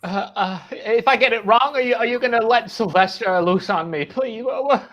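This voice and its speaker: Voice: mid-range voice, moderate pace, a bit bright, dull audio, lightly acted. A panicky male henchman who begs and stammers, repeating himself in fear of his boss. An improviser puts him on in an improvised comedy scene. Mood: terrified pleading. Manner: stammering, pleading.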